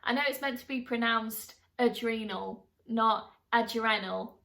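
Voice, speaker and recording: A woman's voice: a little high, steady tone, normal speed, sharp tone. A woman in her thirties chatting casually to camera as a vlogger, self-deprecating, with plenty of fillers. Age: 30s. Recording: voice a little distant from the mic.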